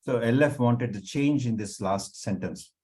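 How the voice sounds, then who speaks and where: A man explaining things informally on a video call in an online meeting, in a halting, repetitive way. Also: medium pitch, a little mellow. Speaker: working group participant presenting.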